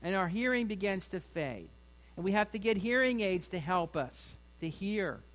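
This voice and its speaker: A man's voice: high voice, animated, normal speed, a bit bright, low-quality recording. A middle-aged man preaching a sermon in a folksy, rambling way, with asides to his congregation. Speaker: pastor.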